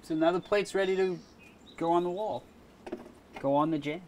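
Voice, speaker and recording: Higher-pitched man giving a casual how-to demo. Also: normal speed, a little mellow, a little hiss or hum. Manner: plain-spoken, folksy step-by-step explaining. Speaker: contractor demonstrating a product. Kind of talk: informal how-to product demonstration.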